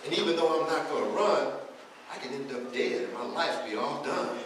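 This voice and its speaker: A man's voice: on the high side, lively intonation, normal speed. A man performing a live spoken-word poem with a rhythmic, rhyming delivery and wry asides. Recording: echoey room, mic far off, faint noise.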